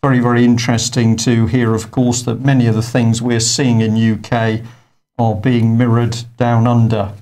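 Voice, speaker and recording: A man's voice: medium pitch, flat delivery, moderate pace, a little mellow. A man presenting an online news show in a conversational, hesitant way with frequent fillers. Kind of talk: unscripted studio news talk.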